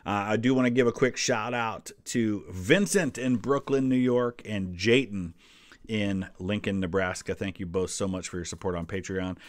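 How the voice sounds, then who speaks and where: Reacting casually to a quiz, an American history channel host in his forties chats in a conversational manner. His pitch is fairly low, his speed normal, and there's no room sound at all.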